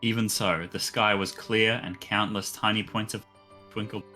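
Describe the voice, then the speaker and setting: A man reading game narration aloud in steady first person, his quieter syllables chopped off by a noise gate. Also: lowish voice, normal speed, soft background music. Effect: noise gate cutting off quiet syllables, choppy clipped word endings. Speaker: visual novel reader.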